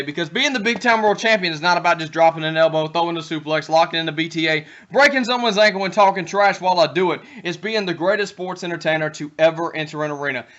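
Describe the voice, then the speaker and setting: A young man hosting a backyard wrestling talk show in character, trash-talking and breaking into loud rants. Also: on the high side, muffled recording.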